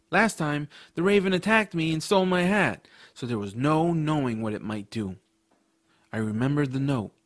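In an expressive, earnest audiobook style, a man voices a curious, adventurous young boy who narrates his own story as the lead character. His voice is mid-range, with no echo.

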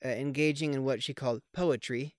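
Podcast co-host, male: easygoing rambler, smooth and resonant voice, close and dry. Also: mid-range voice, steady tone, fairly quick, a little mellow, dry recording. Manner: rambling, with many fillers and restarts; joking, wry. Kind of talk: casual conversational film chat.

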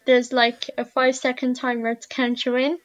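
A woman's voice: a little high, level tone, moderate pace, no room sound, dull audio. A woman with a west of Ireland accent, a podcast guest giving informal explanations in an interview.

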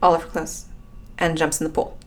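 A woman's voice: low-pitched, flat delivery, brisk. Chatty woman co-hosting a podcast. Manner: chatty, agreeable, recounts scenes step by step. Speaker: podcast co-host. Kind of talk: casual chat recapping a TV show.

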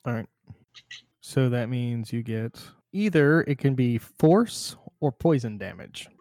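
A man's voice: mid-range voice, takes it slowly, dry recording, studio quality. A man narrating and explaining rules as game master of a tabletop game. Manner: relaxed, chatty rules explanations.

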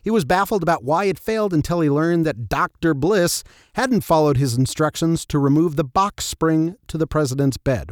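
A man with a slightly high voice tells a story as a true crime narrator would. The delivery is scripted yet wry, with tongue-in-cheek humor, and the sound is close and dry. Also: dry recording. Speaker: narrator and host of a history show.

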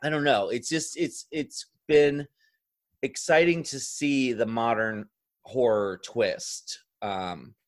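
Speaking slowly in a mid-range voice, a drag performer guesting on a laid-back podcast muses out loud in a rambling way. Filler phrases crop up often as he talks.

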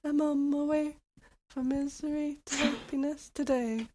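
Skittish young-sounding female traveler acted by a woman, high voice, earnest, stumbles over words, tabletop fantasy game. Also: close to an everyday voice. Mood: earnest, simple. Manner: halting, stammering, repeats words. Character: Sasha, skittish female traveler afraid of birds, halting, earnest.

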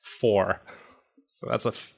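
A man playing a tabletop game, talking casually with playful, mock-grand lines. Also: takes it slowly. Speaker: player.

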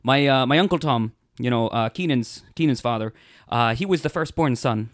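A man's voice: medium pitch, moderate pace, dry recording, studio quality. A man from County Sligo with a west of Ireland accent, chatting casually as a podcast guest. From County Sligo, northwest Ireland. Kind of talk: casual conversational chat.

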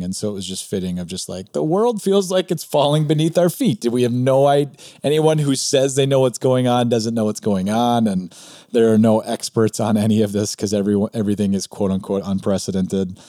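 A man's voice: fairly low pitch, fairly even intonation, a little fast, warm tone, dry recording, clean studio sound. A man, a pastor and podcast co-host, talking reflectively in casual chat with frequent restarts.

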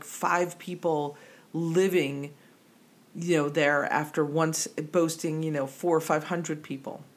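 A podcast co-host with a New Jersey accent in casual, digressive chat who laughs easily. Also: mid-range voice.

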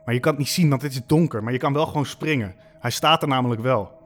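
A man voicing a pale ghostly boy who lives in the walls, speaking in a hushed, coaxing whisper. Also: mid-range voice, quick pace, slight background noise, lightly acted. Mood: eerie coaxing.

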